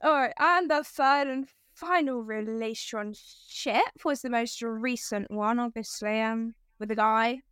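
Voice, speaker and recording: A woman's voice: a little high, measured pace, hardly any pauses, a bit bright, clear, resonant tone, no room sound, clean studio sound. A teenage girl co-hosting a podcast, chatting casually in a giggly, rambling way with many fillers. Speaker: podcast co-host. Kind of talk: casual chat.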